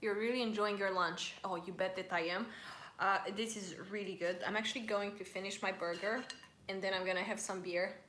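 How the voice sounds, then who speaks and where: A woman's voice: mid-range voice, steady tone, a little fast, a bit bright, echoey room, slight background noise. A woman hosting a casual live stream, chatting and reading viewer comments aloud while she eats.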